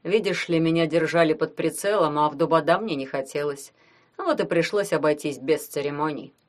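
A woman voicing a brooding young male necromancer, who speaks slowly and measuredly, as if through his teeth. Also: deep voice, natural voice.

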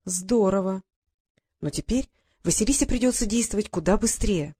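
Woman reading a storybook aloud, steady narrator. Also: mid-range voice, normal speed, breathy edge. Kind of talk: audiobook narration.

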